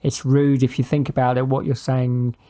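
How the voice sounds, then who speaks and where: Hesitant, mellow-voiced male podcast co-host. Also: mid-range voice, monotone, moderate pace. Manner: thoughtful, hesitant, self-correcting. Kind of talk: casual chat.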